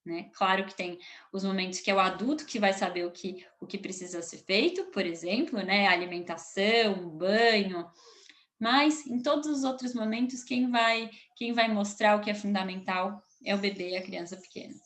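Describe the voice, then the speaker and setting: A woman's voice: medium pitch, moderate pace, a bit bright. A woman with a Brazilian Portuguese accent, a consultant who works with families, explaining baby routines in a casual talk to camera, often ending with a tag question and restarting as she thinks aloud.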